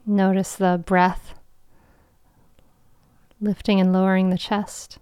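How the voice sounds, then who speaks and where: A woman guiding a meditation in a soft, soothing, slow voice with long pauses, breathy and trailing toward a whisper. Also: medium pitch, little pitch movement, dry recording, clean studio sound. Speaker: meditation guide and show host. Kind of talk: guided meditation.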